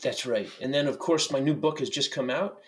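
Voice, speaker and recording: Male expert guest, mid-pitched voice, conversational interview tone, halting phrasing. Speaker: podcast guest, doctor and author.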